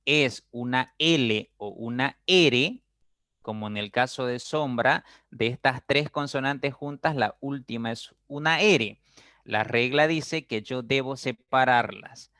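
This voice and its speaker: Slow, patient male teacher. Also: mid-range voice, pushed and bright, no echo, clean studio sound. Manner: slow, patient explaining with check-ins like ¿ok? and ¿listo?; stretches out example words syllable by syllable. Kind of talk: recorded lesson on syllable division.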